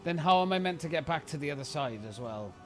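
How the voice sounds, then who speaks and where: A British man doing casual live-stream commentary over a game, full of exasperated, profane ranting. His pitch swings widely as he talks, and faint game music plays behind him. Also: lively intonation, quick pace. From United Kingdom. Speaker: streamer playing a video game.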